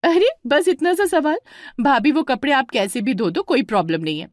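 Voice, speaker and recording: A woman's voice: high voice, lively intonation, no room sound, clean studio sound, voice pushed up. Woman playing a bossy young sister-in-law. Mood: brisk. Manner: brisk, bossy, then curt.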